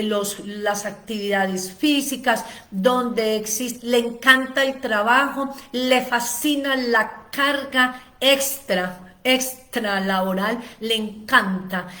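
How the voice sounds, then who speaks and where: Higher-voiced woman lecturing. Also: bright, forceful tone. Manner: explanatory, with frequent "eh" fillers and long lists. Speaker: ADHD educator giving a seminar. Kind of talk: spoken lecture.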